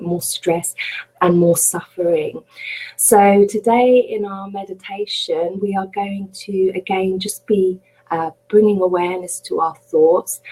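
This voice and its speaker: A woman teaching mindfulness in a live webinar, speaking gently and reassuringly as she leads a guided meditation. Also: mid-range voice, husky, poor audio. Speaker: mindfulness coach. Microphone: webcam or computer mic on a video call.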